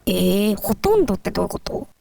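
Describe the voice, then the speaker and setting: Gravelly-voiced teen girl, lively questions. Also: medium pitch, fast. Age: teens. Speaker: comedy duo member. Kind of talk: scripted comedy banter.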